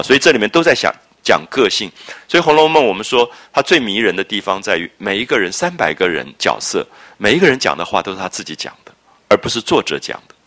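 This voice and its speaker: A man lecturing on a classic novel. He explains at length in a reflective, drawn-out way, fills his talk with interjections, and checks with his listeners through rhetorical questions. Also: on the low side, fairly bright tone. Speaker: literature lecturer.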